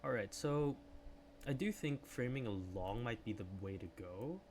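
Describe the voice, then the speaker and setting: A man hosting a live trading stream, casually walking through chart analysis and reacting to his chat in excited bursts. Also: medium pitch, moderate pace, slight background noise. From Philippines. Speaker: livestream trading host.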